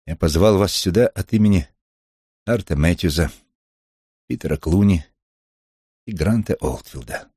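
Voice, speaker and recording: A man narrating a first-person novel in a steady, grim storytelling manner. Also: low voice, a little slow, long pauses, slightly rough, no room sound, studio quality. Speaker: audiobook narrator.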